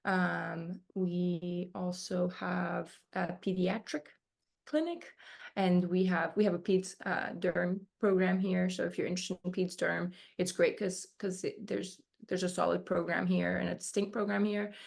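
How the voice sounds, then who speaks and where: Gravelly low-voiced young woman. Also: steady tone, unhurried, a little mellow. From Argentina. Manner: conversational, many fillers. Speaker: dermatology resident guest. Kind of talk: casual interview.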